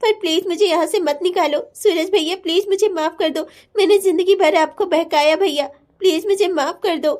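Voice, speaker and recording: A woman's voice: extremely high pitch, normal speed, few pauses, a little mellow. A woman voicing a spoiled young sister-in-law who whines and begs forgiveness in a cartoon drama. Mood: pleading. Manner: whiny, pleading. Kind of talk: cartoon family-drama dubbing.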